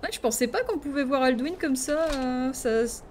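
A woman streaming a game, chatting excitably to her viewers and laughing often. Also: high voice, moderate pace, slight background noise. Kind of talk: let's play commentary. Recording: game music playing behind.

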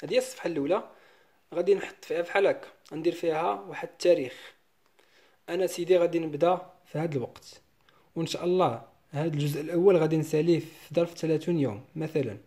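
A man's voice: a little high, dark tone. Emphatic Moroccan man teaching English. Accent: Moroccan Arabic. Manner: emphatic, repeats words slowly for stress. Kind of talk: casual online lesson, mixing English and Moroccan Arabic.

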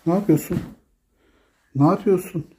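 Father pleading over and over to calm down. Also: high voice, moderate pace. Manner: pleading, repeats short calming commands, gently scolding. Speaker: father filming his daughter at play. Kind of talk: casual home video.

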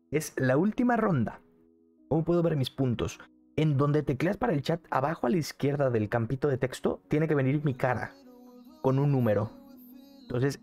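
A man's voice: medium pitch, a little mellow. A young man, chatting casually on a live stream from a neon-lit bedroom, repeating phrases and reading the chat aloud. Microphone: studio mic on arm, headset.

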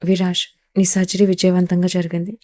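A woman's voice: fairly low pitch, completely flat delivery, a little fast, dark tone, natural voice. A woman voicing a frightened, tearful young woman who pleads emotionally with the man she has come to love. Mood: pleading.

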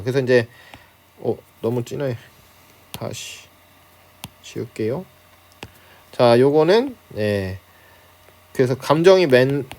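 A man teaching high school Korean literature from a class handout at home, in a conversational way that keeps checking in with his students. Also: darkish tone. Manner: starts phrases with a prompting filler, chuckles now and then. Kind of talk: online lecture on a class handout.

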